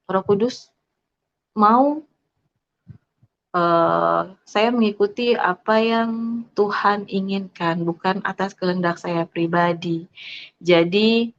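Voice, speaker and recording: A woman giving an earnest, halting personal faith testimony, pausing often with fillers. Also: medium pitch. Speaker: testimony speaker. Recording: dull lo-fi sound.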